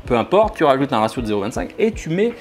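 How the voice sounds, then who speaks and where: A man talks straight to his viewers like a colleague, loose and informal, tripping over his words and restarting his sentences. He sprinkles in dry, sarcastic jokes while he explains his developer habits, at a middle pitch. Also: very animated, fast talker. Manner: informal, addresses viewer as "tu", frequent restarts and hesitations; jokey, sarcastic asides. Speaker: software developer explaining testing. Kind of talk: casual explainer vlog.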